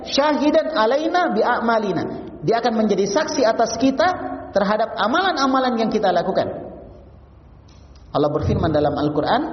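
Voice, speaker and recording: A man giving a mosque sermon. He recites Arabic verses, translates them, and keeps asking the congregation rhetorical questions. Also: high voice. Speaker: preacher. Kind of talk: mosque study-circle sermon. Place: mosque hall. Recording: distant, echoey, dull-sounding hall recording.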